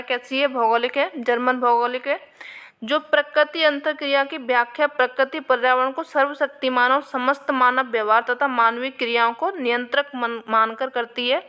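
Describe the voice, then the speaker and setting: In this exam walkthrough lesson, a female teacher explains answers to previous exam questions one by one, restating the key points and frequently saying "आपके" to her viewers. She speaks in a high, bright, forceful voice with a clean tone.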